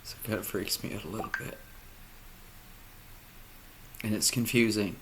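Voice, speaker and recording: A man speaking a personal monologue, halting and emotional, often dropping to a near whisper. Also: on the low side, steady tone, a bit bright, a little hiss or hum. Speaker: vlogger.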